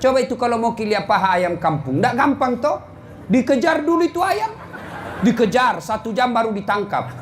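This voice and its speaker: A high-pitched male preacher, delivering a comedic sermon with lively, leaping punchlines. A faint hiss runs under his voice. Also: brisk, hardly any pauses, a faint crowd. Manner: animated storytelling with sudden high-pitched punchlines. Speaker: Islamic preacher.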